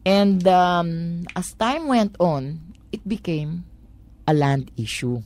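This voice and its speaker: Woman, Manila Tagalog accent, lowish pitch, explanatory, Taglish, rhetorical questions, talk show guest. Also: expressive, slow, darkish tone. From Manila, Philippines. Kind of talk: conversational explanation in a talk program.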